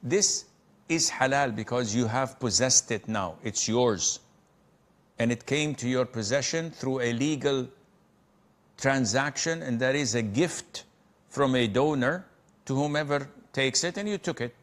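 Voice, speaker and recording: A man speaking like a preacher, measured and deliberate, as he hosts a religious advice call-in show. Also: medium pitch. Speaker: host answering callers' religious questions.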